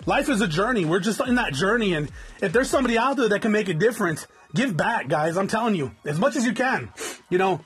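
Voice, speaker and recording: Podcast host, man in his forties, fast and rambling with a stuffy nose, husky high voice. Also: lively intonation, a bit bright. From Southern California. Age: 40s. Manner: rambling, repeats words, cusses freely. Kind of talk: casual unscripted podcast monologue. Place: home in the desert.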